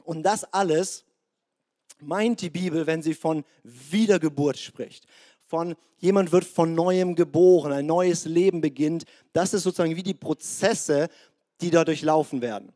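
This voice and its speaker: High-voiced preacher, lively and chatty. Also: male voice, a little slow. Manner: lively, conversational, acts out biblical voices. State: strained voice this morning. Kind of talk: sermon.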